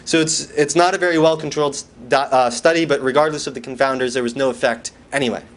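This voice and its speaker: A man's voice: mid-range voice, fairly even intonation, fast talker. A man giving a conference lecture from slides, with dry, wry asides, questions to the audience and many fillers and restarts.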